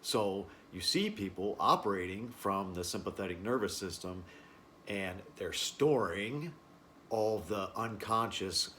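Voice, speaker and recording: A man teaching a wellness class informally, explaining in short phrases with halting pauses. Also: fairly low pitch, animated, bright, forceful tone, slight background noise. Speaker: breathing and stress-relief class instructor.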